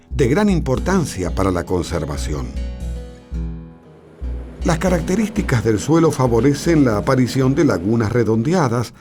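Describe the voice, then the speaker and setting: A man narrating a scripted nature documentary in a measured, explanatory way. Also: mid-range voice. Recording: music behind the voice. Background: background music.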